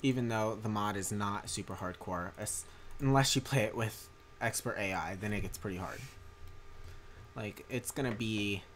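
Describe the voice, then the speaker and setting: Reading chat during a strategy game livestream, a weary young mod maker and streamer rambles along with frequent fillers and false starts after a long day. His voice is fairly low and a bit bright, at normal speed, with a little hiss or hum.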